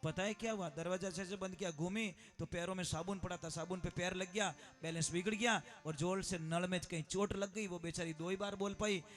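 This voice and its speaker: A man's voice: sits high, steady tone, brisk, few pauses, a bit bright, faint music behind. A man preaching a moral sermon at a conference, acting out family stories with dramatic shifts in voice. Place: education conference hall.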